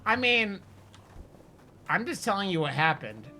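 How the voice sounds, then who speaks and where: A woman's voice: medium pitch, very animated, a little slow, sharp tone, slight background noise. A woman hosting a let's play with casual, playful, teasing commentary.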